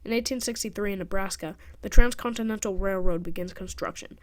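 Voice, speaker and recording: A woman's voice: medium pitch, brisk. Jokey woman narrating history. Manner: jokey, sarcastic asides. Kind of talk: casual scripted narration. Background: background music.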